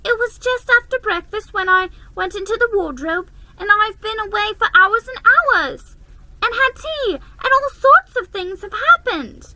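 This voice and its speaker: A woman voicing an excitable, earnest young girl in a storybook reading. The girl speaks with loud, breathless eagerness. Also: very high voice, a little slow, voice pushed up, full character voice, low-quality recording. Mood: insistent.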